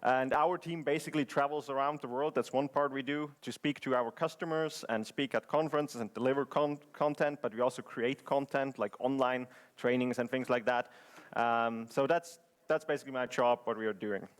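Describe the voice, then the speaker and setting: This conference speaker from Switzerland has a mid-range voice with fairly even intonation and a normal pace. Speaking English in a conference hall, he chats and jokes, often using fillers and restarting sentences.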